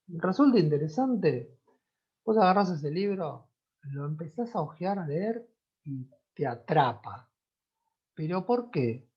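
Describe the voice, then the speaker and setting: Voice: mid-range voice, slightly rough. A teacher with a Rioplatense Spanish accent giving an online class in a conversational way, often checking in with the students. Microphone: computer mic on a video call. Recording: dull lo-fi video-call audio.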